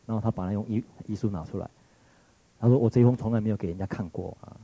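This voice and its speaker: Male Taiwanese Mandarin lecturer, dark husky voice, dry close sound, rambling reflective storytelling. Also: on the low side, very fast, no room sound, lo-fi sound. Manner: musing, searching for words, frequent restarts.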